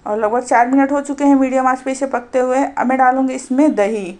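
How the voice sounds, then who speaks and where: A woman hosting a cooking channel, calmly narrating a recipe step by step as a voice-over. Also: sits high, fairly quick. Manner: calm, instructive, explains each step.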